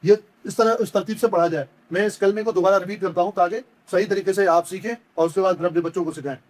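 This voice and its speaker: High-voiced man teaching careful recitation. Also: steady tone, darkish tone. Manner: corrects errors, then demonstrates slow, drawn-out chanted recitation; patient, repetitive explaining. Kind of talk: step-by-step religious lesson.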